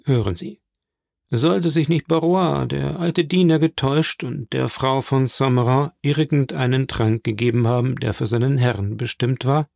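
A man reading an audiobook, voicing a grave, deliberate physician. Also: medium pitch, vocal fry, a little mellow, dry recording, studio quality, close to an everyday voice. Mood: explaining. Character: grave, measured male physician.

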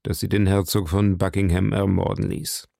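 A stern lord levels his accusations in a low, gravelly voice, as a man reads him. The sound is close and dry, like a storybook reading. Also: level tone, normal speed, mellow, dry recording. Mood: accusing.

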